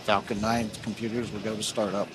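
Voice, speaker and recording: A man's voice: on the low side, level tone, fairly quick, background noise. A man giving live launch commentary as a webcast commentator, explaining in a technical way.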